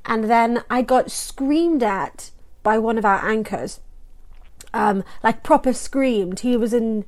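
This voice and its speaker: A woman's voice: fairly high pitch, takes it slowly. Giggly, swearing young woman. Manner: swears freely, giggly and animated. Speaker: podcast co-host. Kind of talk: casual chat.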